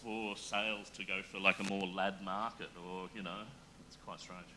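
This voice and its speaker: A man talks on a casual panel, earnest and halting, full of fillers and restarts. His voice is low and very bright, and a faint hiss sits beneath it. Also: little pitch movement. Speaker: panel guest.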